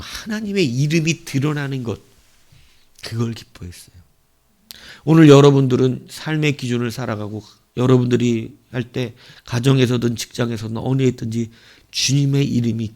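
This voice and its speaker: Male pastor, sermon delivery, mid pitch, animated storyteller with big dynamic swings from soft asides to shouts. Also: gravelly.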